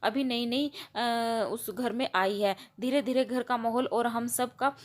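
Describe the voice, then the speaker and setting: A woman reading aloud plays a patient older father-in-law in a spoken story. He talks in a soothing, reasonable way, in a fairly high voice. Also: steady tone, measured pace, natural voice.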